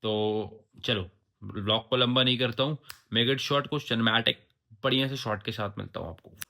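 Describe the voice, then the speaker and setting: A man's voice: mid-range voice, moderate pace, gravelly, bright, forceful tone, slight background noise. A young man from India vlogging casually to camera in a joking, crude, self-mocking way. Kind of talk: casual vlog talk to camera.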